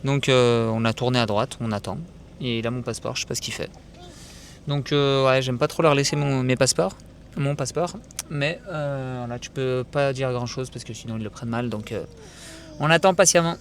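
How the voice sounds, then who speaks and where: A man's voice: mid-range voice, fairly quick. A man chatting to viewers in a casual travel vlog, hesitant with many fillers, recorded outdoors and on the road. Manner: chatty, addresses viewers as "les gars". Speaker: travel vlogger. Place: outdoors in a city and in a vehicle. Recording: noisy outdoor vlog audio.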